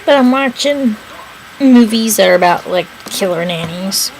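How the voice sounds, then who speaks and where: A woman's voice: medium pitch, lively intonation, a little slow, low-quality recording. Chatty young woman rambling while eating. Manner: rambling, chatty, swears casually. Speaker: mukbang vlogger. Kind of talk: casual chat while eating. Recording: noticeable background noise.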